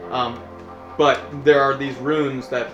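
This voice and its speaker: Male game master, mid-pitched, improvised narration and rulings, roomy echo, prominent music bed. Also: level tone, slow. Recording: echoey room, loud music behind.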